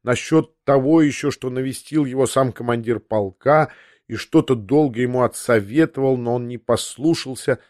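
A man reads a classic novel aloud in a measured, literary first-person narration. The sound is dry and close on the mic, with no room around him, and his voice sits at an ordinary middle pitch for a man. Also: darkish tone, dry recording. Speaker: audiobook narrator.

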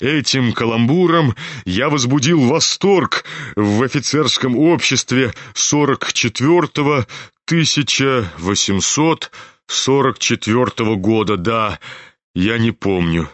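A man voicing a tearful, rambling old general in disgrace, talking slowly and grandly. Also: mid-range voice, expressive, fairly bright tone, dry recording. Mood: muttering. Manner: slow, mournful, grandiloquent.

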